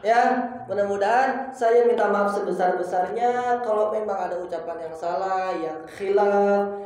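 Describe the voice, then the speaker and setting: A man's voice: high-pitched, fairly even intonation, measured pace, a little mellow. A young man teaching an informal religious study circle, talking colloquially, apologizing often and repeating phrases for emphasis. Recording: very echoey room.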